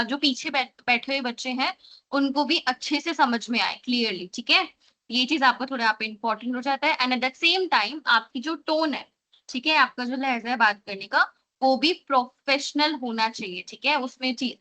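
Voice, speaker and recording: A woman teacher trainer lectures in a high, bright voice. She mixes Hindi and English, keeps checking in with "theek hai", and slows down to read definitions aloud. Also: poor audio. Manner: explains in Hindi mixed with English, repeats "theek hai" often; reads definitions slowly from a slide.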